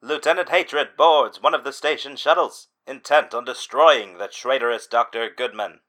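Bright-voiced deadpan male narrator. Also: medium pitch, normal speed, poor audio. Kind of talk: mock-dramatic scripted narration.

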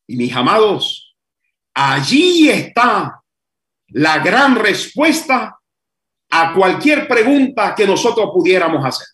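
A man preaching a sermon with passion, building to shouts and repeating phrases for emphasis. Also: high-pitched, sing-song, measured pace, reverberant. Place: church or conference hall.

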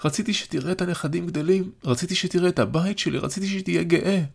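A man's voice: high-pitched, creaky, pitched above the performer's own voice. A man voicing a grown son who speaks with emotion to his dying father in an audiobook. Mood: emotional.

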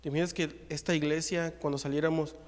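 High-voiced Mexican preacher in a reverberant hall. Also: male voice, fast talker. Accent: Mexican Spanish. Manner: lively storytelling, acts out the dialogue. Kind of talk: sermon with personal testimony. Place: church.

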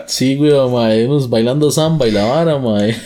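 A man with a Costa Rican accent hosting a casual podcast chat, slangy and quick to laugh. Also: mid-range voice, dark tone. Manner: slangy and laughing, filler-heavy. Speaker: podcast host.

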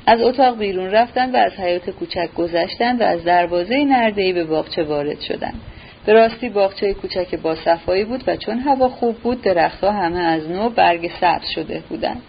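A woman narrating a classic novel in an even, measured audiobook reading. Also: medium pitch, vocal fry, muffled recording, a little hiss or hum.

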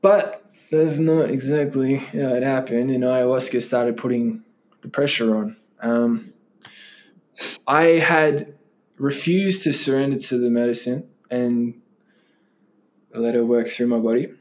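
Male interview guest, casual storyteller, meandering delivery with constant fillers, mid-pitched voice. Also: steady tone, a little slow, darkish tone. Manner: loose and rambling, many "like" and "um" fillers.

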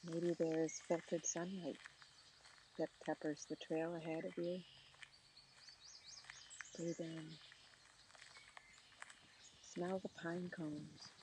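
A soothing guide narrating a meditation in short, slow phrases with long pauses. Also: mid-range voice, flat delivery. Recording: clear outdoor nature noise, birdsong.

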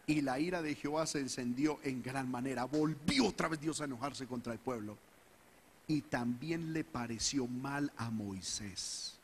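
A man's voice: mid-range voice, normal speed, big-room sound, slight background noise. A man preaching a sermon as a pastor, his delivery climbing in fervor as he acts out the people's complaints. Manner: preaching with rising fervor, acting out the people's whining.

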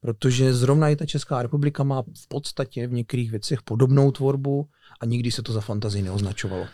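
A man co-hosting a casual podcast, giving his opinions in a relaxed, conversational way. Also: medium pitch, no room sound, studio quality. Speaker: podcast co-host.

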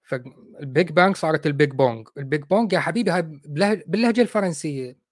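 Fast, sarcastic Iraqi man. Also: a little high, no room sound, studio quality. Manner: sarcastic, mocking. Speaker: host. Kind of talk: livestream commentary.

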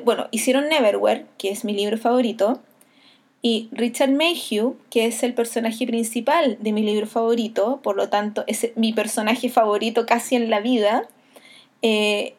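Chilean woman, enthusiastic book vlogger, chatty and rambling, slightly high-pitched. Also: a little mellow. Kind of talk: casual book recommendation.

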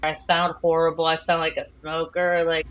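A middle-aged bereaved mother speaking frankly in an interview, halting with lots of fillers. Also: low voice, monotone, a bit bright, dull audio, a little hiss or hum. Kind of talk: candid personal interview.

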